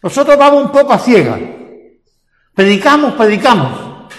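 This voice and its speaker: A man's voice: very high-pitched, very animated, normal speed, a bit bright. An older man with a Spanish accent from Spain, preaching a sermon and asking repeated rhetorical questions. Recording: echoey hall with long reverb.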